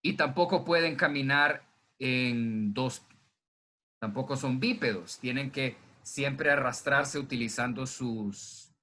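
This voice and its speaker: A man teaching a zoology class by video from home, talking to his students in a relaxed, conversational way and answering his own questions. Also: medium pitch, takes it slowly. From Honduras. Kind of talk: recorded online class lecture. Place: indoors at home during heavy rain. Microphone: computer microphone.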